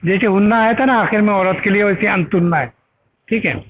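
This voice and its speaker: A man's voice: sits high, fairly quick. A man teaching an Arabic grammar class, patiently repeating each word with its meaning and asking learners to say it aloud. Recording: tinny phone-like recording with loud noise.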